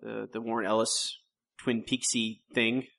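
A man's voice: lowish voice, level tone, measured pace, creaky, fairly bright tone. A man co-hosting a podcast in a casual chat, hesitant, full of fillers and trailing off mid-thought. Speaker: podcast co-host.

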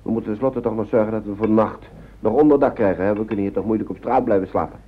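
Man as a fretful, fast-talking uncle. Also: fairly low pitch, steady tone, close to an everyday voice. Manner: fretful, chatty, scolding yet kindly, many tag questions. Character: fussy adult uncle minding children. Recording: dull old noisy recording.

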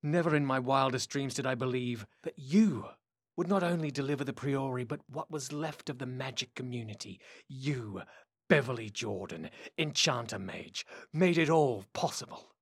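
Audiobook villain voiced by a male narrator: cruel, mocking, slow and menacing, a slightly husky voice, dry sound. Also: mid-range voice, dry recording. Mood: mocking menace. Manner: taunting, slow and menacing, sometimes whispering. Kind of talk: audiobook character voice.

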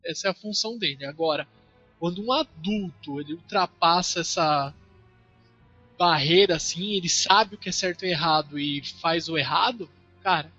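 A man's voice: on the high side, normal speed, pushed and bright, breathy edge. A man with a Brazilian Portuguese accent, co-hosting a casual chat and giving earnest opinions. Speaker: podcast co-host. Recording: dull lo-fi audio, faint music.

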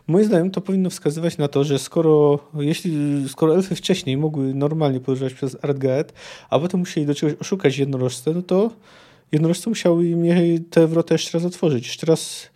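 A young man hosts a fantasy book podcast, thinking aloud with frequent pauses and fillers. His voice sits a little high and has a mellow, relaxed tone. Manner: thoughtful, hesitant with fillers. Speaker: podcast host.

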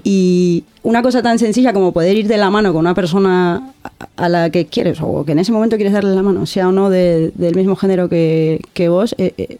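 Argentine woman chatting as a podcast guest, mellow voice, earnest, lots of restarts. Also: lowish voice, brisk. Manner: earnest, reflective, frequent restarts and filler "¿no?". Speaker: guest, content creator. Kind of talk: casual interview chat.

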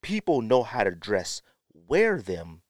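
A podcast host delivers opinionated commentary in a fairly low voice with huge swings in pitch, speaking slowly. He sounds sniffly from a runny nose and repeats phrases for emphasis. The recording is clean studio sound on a close podcast mic, with no room sound.

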